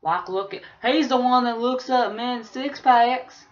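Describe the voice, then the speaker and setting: A man's voice: very high voice, unhurried. A young man playing a rambling, opinionated redneck vlogger with a rural drawl. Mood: grumbling. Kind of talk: casual vlog rambling in character. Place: small bedroom, indoors. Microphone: webcam or laptop mic at arm's length. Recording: dull lo-fi webcam sound.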